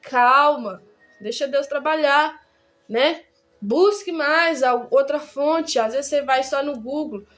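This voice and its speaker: A woman gives a casual Bible study. Her voice sits high, and she talks in a chatty, repetitive way, checking in with her listeners often. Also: takes it slowly, a bit bright. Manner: chatty, repeats words, many tag questions. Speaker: Bible teacher.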